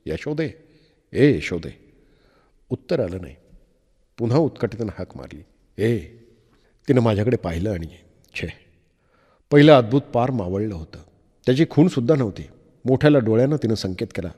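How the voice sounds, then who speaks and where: A man narrating an audiobook novel with expressive, measured storytelling. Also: mid-range voice, slightly rough. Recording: long reverb.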